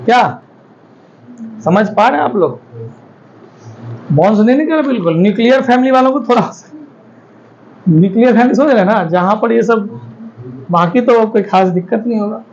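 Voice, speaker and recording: A man's voice: high voice, moderate pace, pauses often, a little mellow, muffled recording, slight background noise. A man teaching a classroom lecture, explaining step by step and often checking that the students follow.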